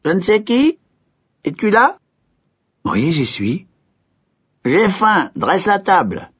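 A simple-minded young peasant hero, as a man puts him on, speaks in a high, eager voice that leaps up on every call. The tone is husky, and the recording sounds dull and lo-fi. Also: takes it slowly, full character voice. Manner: high, excited calls.

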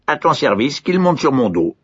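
A man voicing a polite, helpful talking frog in a raised, lively voice. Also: medium pitch, normal speed, husky, pitched above the performer's own voice. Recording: dull lo-fi recording.

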